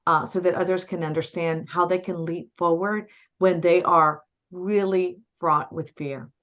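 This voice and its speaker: A woman's voice: lowish voice, fairly even intonation, a little slow, fairly bright tone. Effusive woman host on dull lo-fi audio. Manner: effusive, emotionally moved. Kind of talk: conversational panel interview.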